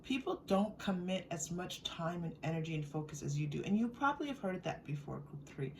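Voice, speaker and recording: With a voice on the low side, lively intonation and a fairly quick delivery, a woman leads an improvised tarot reading. She talks to the listener casually and encouragingly. A distant mic adds faint noise.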